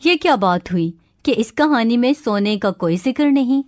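A woman's voice: on the high side, animated, darkish tone, no room sound, natural voice. A woman playing a skeptical questioner. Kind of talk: scripted dialogue drama. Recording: muffled lo-fi dry audio.

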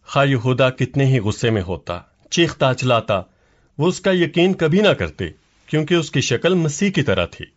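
Young guy doing an animated nephew, voice jumping around, muffled lo-fi sound. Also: medium pitch. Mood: earnest. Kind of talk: scripted dialogue drama. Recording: muffled lo-fi audio.

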